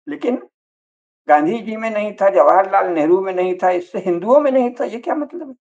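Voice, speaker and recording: A man giving a forceful, argumentative discourse full of rhetorical questions, speaking as the channel's regular speaker. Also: on the high side, highs cut off. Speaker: speaker on religion and politics. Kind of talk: forceful lecture-style discourse.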